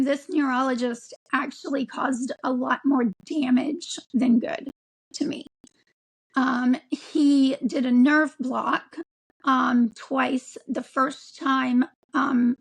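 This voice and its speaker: High, husky-voiced woman in her forties. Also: fairly even intonation, low-quality recording. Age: 40s. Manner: halting, frequent ums and restarts. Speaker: interview guest. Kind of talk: candid personal account.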